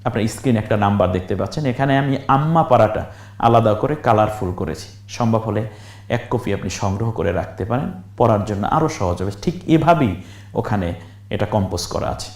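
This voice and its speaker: A man teaches Quran reading in a recorded lesson, drilling words slowly syllable by syllable, spelling and chanting them and putting questions to viewers. His voice is fairly low and a little mellow, heard in an echoey room.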